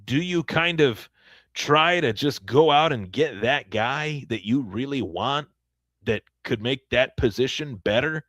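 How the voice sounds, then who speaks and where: A man's voice: medium pitch, animated, measured pace, a bit bright, dry recording. A man hosting a solo sports podcast, giving enthusiastic, opinionated commentary and often repeating words as he restarts.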